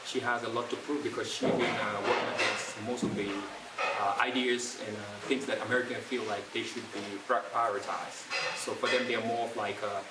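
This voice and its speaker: Fast-talking young man from Gambia, distant. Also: mid-range voice, level tone. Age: young adult. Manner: fast talker with many "uh" fillers and restarts. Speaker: guest, entrepreneur. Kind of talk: interview answers. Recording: roomy, distant, loud ambient noise.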